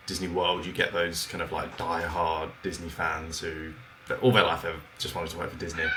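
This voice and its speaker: Very deep-voiced British man. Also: sharp tone, a little hiss or hum. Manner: halting, with many fillers and restarts. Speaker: podcast co-host. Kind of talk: casual chat.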